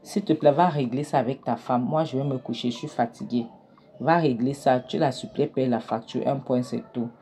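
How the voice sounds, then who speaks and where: A woman voicing a blunt male friend who lectures a broke man, loud and emphatic. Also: extremely low pitch, moderate pace, soft background music. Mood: dismissive.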